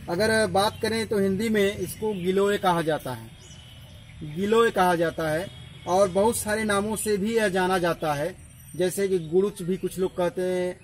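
A man's voice: high-pitched, a little hiss or hum. A man giving a patient educational explainer, repeating key terms as he teaches outdoors. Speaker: educational presenter.

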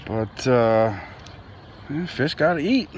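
A man's voice: mid-range voice, lively intonation, takes it slowly, a little hiss or hum. A man vlogging while night fishing outdoors, rambling casually about his gear and surroundings, sometimes talking to his dog. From Florida.

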